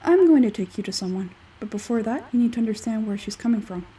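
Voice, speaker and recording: A woman voices a game's scholarly man who is aloof, logical, and smug, sounding measured and condescending. She forces her tone low and husky, yet the delivery is animated and dark. The mic sounds distant.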